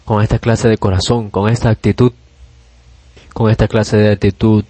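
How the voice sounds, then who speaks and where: A man's voice: on the low side, flat delivery, moderate pace, mellow, dry recording. A man preaching a sermon in an earnest, emphatic way, often repeating key phrases.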